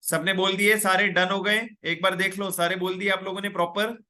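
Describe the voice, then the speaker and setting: A man's voice: sits high, little pitch movement, normal speed, pushed and bright. A young man teaching English in a live online class, coaxing students to speak up and reading out their names and comments. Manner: reads out viewers' names and comments.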